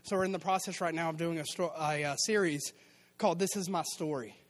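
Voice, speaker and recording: Man, high voice, upbeat, joking, church announcements. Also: fairly quick. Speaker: youth and children's pastor. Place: church auditorium.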